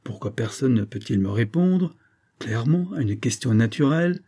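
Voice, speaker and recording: A man voicing an impatient, agitated young gentleman who fires off sharp, demanding questions. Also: mid-range voice, expressive, normal speed. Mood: indignant.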